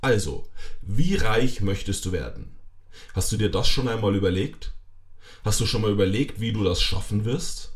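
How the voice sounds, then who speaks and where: A man's voice: lowish voice, moderate pace. A man narrating a self-help audiobook in a scripted, emphatic way, speaking straight to the listener and dropping wry asides. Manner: lively, strongly varied intonation.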